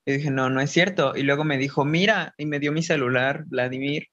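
Animated man telling a story, muffled. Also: brisk. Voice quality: animated, acts out his own past thoughts in a higher voice. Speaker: interview guest, burlesque performer and dance teacher. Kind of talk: casual storytelling interview.

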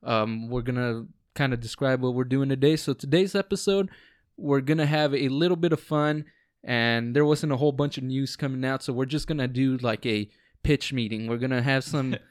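A man hosts a laid-back podcast with friends at home, talking in an easygoing, rambling way full of ums. His voice sits in a middle pitch and sounds dry and close, with no room echo. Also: moderate pace. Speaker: podcast host. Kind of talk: casual podcast chat.

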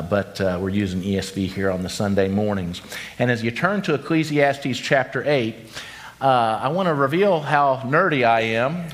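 Guy in his 50s preaching, story-telling, mid pitch, gets loud then slows way down. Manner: animated storytelling, slows for emphasis. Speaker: pastor. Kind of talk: sermon.

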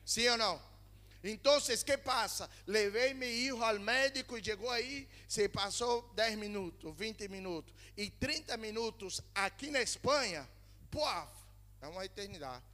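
A Brazilian male pastor preaches to his congregation in a church in Spain, mixing Spanish words into his Portuguese and calling out to the people. His high, sharp voice has lively intonation and an unhurried pace, carried by the long reverb of a church hall.

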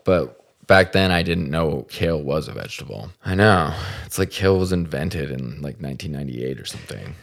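An extremely low male voice with vocal fry, talking a little fast. He's a podcast host from the Salt Lake area telling a funny story in a casual, animated way, swearing freely and laughing at himself.

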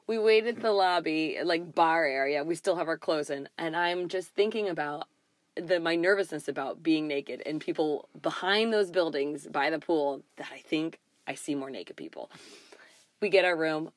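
A woman co-hosting a podcast, telling a story in casual chat, animated and laughing often. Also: sits low, normal speed, dry recording. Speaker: podcast co-host.

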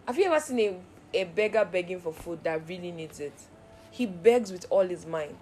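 A woman's voice: fairly low pitch, lively intonation, moderate pace, a little mellow, soft background music. Earnest woman teaching a devotional. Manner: earnest, heartfelt, repetitive cadences. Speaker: Bible study host.

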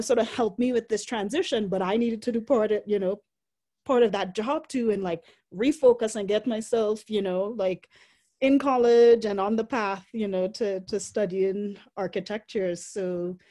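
This Trinidadian woman in her forties has a mellow, mid-range voice and talks at a normal speed. As an interview guest with a Trinidadian accent, she reflects on her story and laughs often between fillers.

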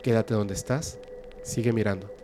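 A man doing a slow commanding alien. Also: fairly low pitch, fairly even intonation, mellow, faint music behind, lightly acted. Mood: hypnotic. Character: staring humanoid alien giving mind commands.

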